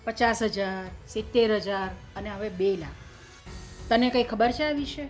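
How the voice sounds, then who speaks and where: An actress playing a stern middle-aged mother who presses her daughter-in-law about her son's missing money, insistent and accusing, with soft music behind. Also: medium pitch, normal speed, lightly acted. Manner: accusing, insistent, lists sums and grievances. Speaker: actor in a family drama. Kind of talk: short-film drama acting. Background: soft background music.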